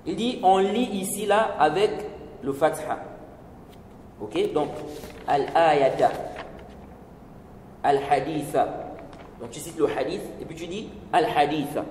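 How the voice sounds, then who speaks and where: A man giving a religious lesson, explaining slowly, repeating points and checking with his listeners. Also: fairly high pitch, darkish tone. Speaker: religious teacher. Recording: echoey hall with faint noise.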